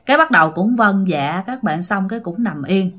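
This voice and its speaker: A woman with a Southern Vietnamese accent narrating a ghost story in an unhurried way, with many drawn-out fillers. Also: medium pitch, expressive, a bit bright.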